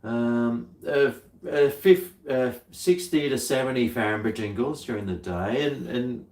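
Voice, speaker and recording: Slow-talking Australian bloke, echoey room. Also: male voice, medium pitch, a little mellow. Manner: laid-back, blokey, slangy. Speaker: livestream host. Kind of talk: casual livestream chat. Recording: roomy, echoey sound.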